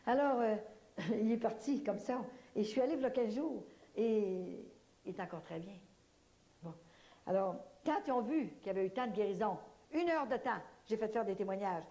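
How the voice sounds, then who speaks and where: A woman with a Québécois accent speaks to a gathering about her faith, in a lively, homespun storyteller's manner. Her voice sits in a middle range with a mellow, warm tone. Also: mid-range voice. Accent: Québécois French. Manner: animated, folksy storytelling with many "là" fillers. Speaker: lay speaker giving a religious testimony. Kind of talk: spoken religious testimony to an audience.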